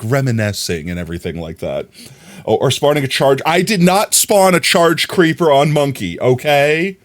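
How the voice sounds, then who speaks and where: A young man with a slightly nasal, medium-pitched voice is live streaming, chatting loosely with his viewers. He rambles and giggles a lot.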